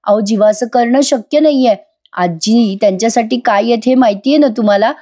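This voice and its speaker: A woman's voice: fairly high pitch, fairly quick, mellow, lightly acted. A woman reading a tearful young wife's lines aloud in a TV serial review, pleading and insistent.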